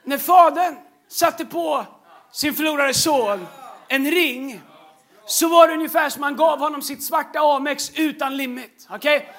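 A man preaching a sermon, telling a funny story with lots of fillers, repeats and laughter. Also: very high-pitched. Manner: animated, breaks into laughter, frequent fillers and repeated words. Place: large church stage.

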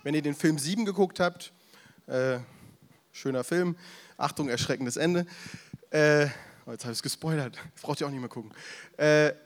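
Lively slangy preacher, man. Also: fairly high pitch, normal speed, pauses often. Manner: animated storytelling, acts out crowd voices, slangy asides. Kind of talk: casual youth sermon. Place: event room with audience, drinking beer.

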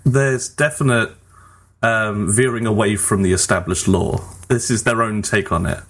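A podcast host leads a casual group chat about films and games, talking informally and conversationally. His voice is lowish and a bit bright, at a moderate pace.

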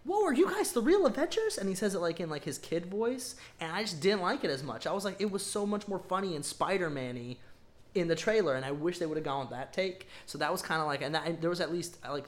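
Casual male podcast co-host, slightly high voice, loose and rambling with lots of ums, lands firm verdicts. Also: fast. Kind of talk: casual movie review chat.

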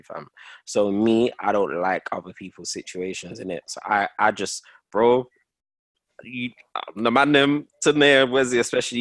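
Low-voiced London roadman-style young man. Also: fairly bright tone, dry recording. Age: 20s. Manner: London roadman slang and speech. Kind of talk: casual group chat.

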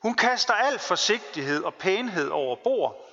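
A man preaching a sermon as pastor, earnest and deliberate, stressing his points through repetition. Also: high-pitched, sing-song, creaky, fairly bright tone. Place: church. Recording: long church reverb, dull lo-fi sound.

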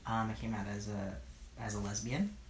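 A thoughtful man in his thirties, from California's East Bay, answering an interviewer slowly and with many pauses. The recording is roomy, with a faint hiss behind him. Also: on the low side, level tone. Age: 30s. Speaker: oral history interviewee. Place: his apartment.

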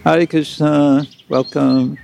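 Man, spiritual teacher, very slow, gravelly, calm, welcoming, noisy outdoor recording, birdsong. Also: fairly high pitch. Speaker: spiritual teacher hosting disciples. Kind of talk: casual talk with disciples.

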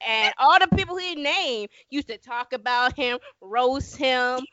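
Woman cohost casual chat, slightly high sharp voice, keeps needling, bit muffled recording. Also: a little slow. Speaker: podcast co-host.

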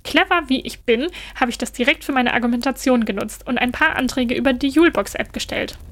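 A woman's voice: sits high, brisk, a bit bright. A woman voicing a cheerful, clever young male Christmas elf who talks in a breezy, boastful way.

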